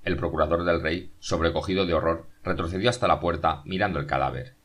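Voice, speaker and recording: A man narrating a novel as an audiobook, in a steady, measured reading. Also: low-pitched.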